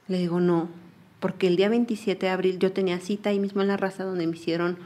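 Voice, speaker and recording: A woman's voice: on the low side, fairly even intonation, fast talker, dark tone. A young woman with a Mexican accent giving personal testimony in an interview, earnestly retelling events and often repeating herself.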